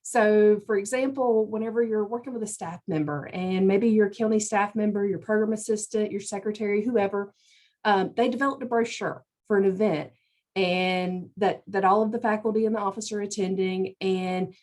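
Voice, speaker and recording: A woman's voice: medium pitch, steady tone, moderate pace, darkish tone. A woman co-presenting a training webinar, explaining ideas in a friendly, plain way. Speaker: extension presenter.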